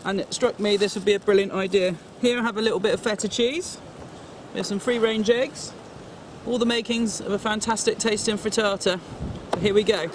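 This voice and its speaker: A man's voice: sits high, steady tone, a little fast, noisy background. A man demonstrating a camp cooking recipe step by step, chatty and instructive as he works, recorded outdoors at a fishing lake.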